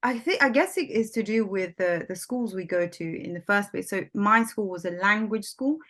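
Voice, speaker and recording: A woman born in Somalia, whose first language is Swahili, chats casually as a guest, using lots of fillers such as "like" and "um." She speaks at a normal speed in a mid-range, fairly bright voice.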